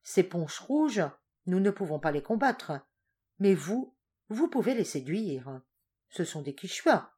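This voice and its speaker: A woman voicing a scheming, sardonic male general-dictator in a storybook reading, with a brisk commanding manner. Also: fairly low pitch, very animated, mellow, slightly rough, heavily acted.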